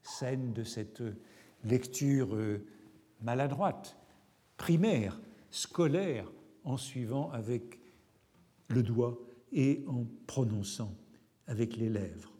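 A man lectures at a slow, measured pace, his voice mellow and soft-edged. He pauses often and fills gaps with small hesitations as he reads passages aloud. His voice carries a long reverb, as if he is in a large hall. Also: mid-range voice. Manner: deliberate, pausing with hesitations. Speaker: lecturer on literature.

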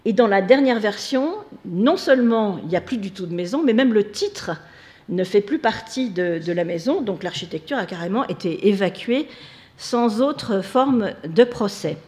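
A woman's voice: medium pitch, expressive, moderate pace, a little mellow. A woman giving an academic talk, hesitant, with many fillers and restarts. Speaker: lecturer. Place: lecture hall.

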